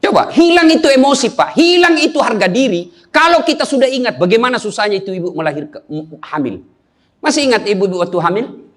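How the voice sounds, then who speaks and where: High-voiced joking male preacher. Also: fairly quick. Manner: animated, jokey storytelling with quoted dialogue. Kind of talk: humorous sermon to a live audience.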